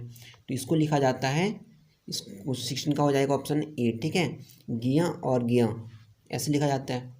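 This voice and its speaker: Mellow-voiced teacher going over exam answers. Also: male voice, mid-range voice. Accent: Jharkhand. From India. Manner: explains each question step by step, asking and answering himself. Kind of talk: online lesson going over quiz answers.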